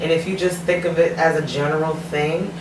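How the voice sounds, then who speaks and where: A woman's voice: low-pitched, steady tone, a little fast. Blunt, laughing woman podcast host. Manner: blunt, laughing, swears freely. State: tipsy. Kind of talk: casual chat. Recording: echoey room, mic far off, faint noise.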